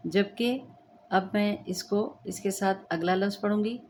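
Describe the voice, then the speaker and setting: A woman's voice: medium pitch, measured pace, darkish tone, a little hiss or hum. A woman teaching the rules of Quran recitation, patiently explaining step by step and checking that students understand. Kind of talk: slow tajweed lesson with chanted recitation.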